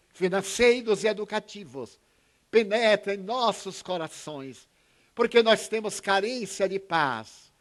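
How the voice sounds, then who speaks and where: A man in his eighties from Bahia with a Bahian Brazilian accent, giving an inspirational talk and acting out the voices in his anecdotes. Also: fairly bright tone. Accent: Bahian Brazilian Portuguese. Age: 80s. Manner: storytelling, acts out dialogue with shifts in pitch and volume. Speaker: spiritist speaker.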